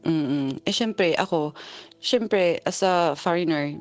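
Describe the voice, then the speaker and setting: A woman calling in to a radio show, telling a personal story with animated delivery and sharp rising reenactments of an argument. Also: lowish voice, slow, faint music behind. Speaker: caller sharing a personal story. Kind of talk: phone-in confession. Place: abroad in her home.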